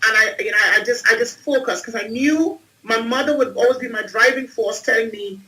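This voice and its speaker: A woman's voice: a little high, a little fast, bright, forceful tone, recorded from a distance, low-quality recording. A woman from Trinidad and Tobago, telling her life story emphatically as an interview guest on a video call. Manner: emphatic, repeats phrases for effect. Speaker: guest, entrepreneur and speaker.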